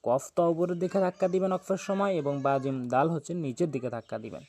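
A man with a Bangladeshi Bengali accent leads a Quran reading lesson in a slightly high voice. He spells out the letters and vowel marks one by one, then says each word over several times at a slow, patient pace. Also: a little mellow. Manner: patient, repeats syllables slowly and drills each word.

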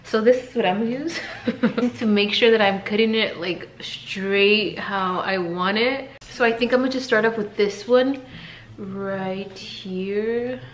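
A woman's voice: medium pitch, measured pace, slight background noise. A woman vlogging at home in a casual, chatty way, talking straight to her viewers. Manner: chatty, addresses viewers as "you guys". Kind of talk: casual vlog chat with sponsor read. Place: home room. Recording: echoey room.

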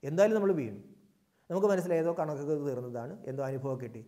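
A man with a somewhat high, mellow voice gives a spiritual talk on scripture. He asks his listeners questions and answers them himself. He swings between loud, stressed words and quiet, low asides. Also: animated, fast. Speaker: spiritual teacher.

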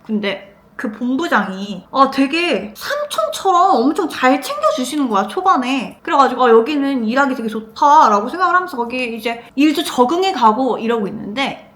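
Brief: young woman vlogger, animated storytelling, fairly high lively voice, roomy echo. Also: normal speed, hardly any pauses, a little hiss or hum. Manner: animated, acts out quoted lines. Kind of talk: casual storytelling.

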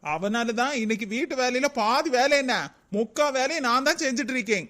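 A woman's voice: a little high, fairly quick, fairly bright tone, lightly acted. A woman voicing a put-upon middle-aged husband in a cartoon, with a Kanyakumari Tamil accent, complaining and grumbling.

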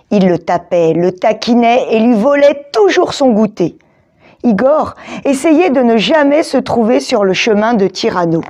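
A woman reading a children's picture book aloud, in a slow, expressive storytelling manner. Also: on the high side. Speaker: storybook reader.

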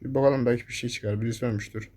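A man's voice: mid-range voice, steady tone, very fast, darkish tone. A young man giving live gameplay commentary, talking to his viewers and cursing at the enemies that chase him. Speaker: gameplay streamer.

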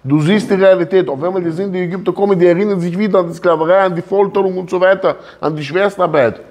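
A man teaching a religious lesson as a rabbi, animated and often putting questions straight to his listeners. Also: high voice, fast. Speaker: rabbi teaching a Torah class.

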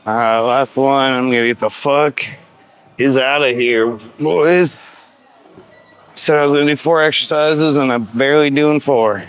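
Speaking at a measured pace in a smooth, medium-pitched voice, a man in his thirties vlogs to camera from a large indoor gym with music behind him. He's a grumbling gym bro, swearing freely and poking fun at himself as he trains.

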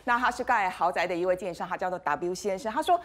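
A woman's voice: lowish voice, fast, fairly bright tone. A woman with a Taiwanese Mandarin accent hosting a studio current-affairs talk show, emphatic and full of rhetorical questions.

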